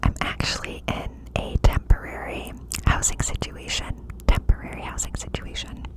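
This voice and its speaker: A woman whispering breathily and close to the mic in an intimate, confiding ASMR chat, often repeating phrases. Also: moderate pace. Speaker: ASMR creator. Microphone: close mic with cupped whispering.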